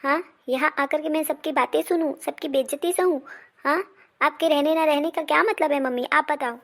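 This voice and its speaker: A high, gravelly voice of a spoiled young woman, acted by a woman in a homemade family comedy. She orders people around in a whiny, demanding way and turns everything into a complaint. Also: steady tone, a little fast, fairly bright tone. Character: bossy spoiled married daughter visiting home. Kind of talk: amateur family comedy drama.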